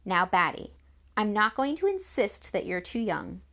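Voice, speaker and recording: A woman doing a steady, patient dad, storybook reading, slight vocal fry. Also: mid-range voice, unhurried, exaggerated voice. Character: a father, kindly and steady with his daughters. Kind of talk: audiobook character reading.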